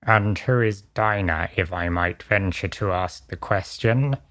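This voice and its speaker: A woman's voice: rumbling low, a little slow, a bit bright, no room sound, pitched below the performer's own voice. A woman reading aloud and voicing a pompous, stiffly polite old bird. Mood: haughty.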